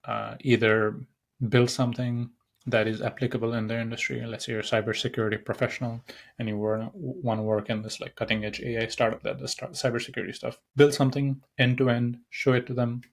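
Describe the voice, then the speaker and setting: A man's voice: mid-range voice, level tone, a little fast, gravelly. A young man from Nepal hosting a solo podcast, talking casually and rambling with many fillers and restarts. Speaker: podcast host.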